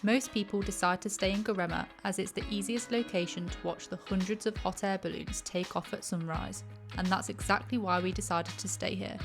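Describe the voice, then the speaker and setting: A British woman narrating and chatting in a travel vlog, friendly and explanatory. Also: fairly low pitch. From Britain. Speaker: travel vlogger. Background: music.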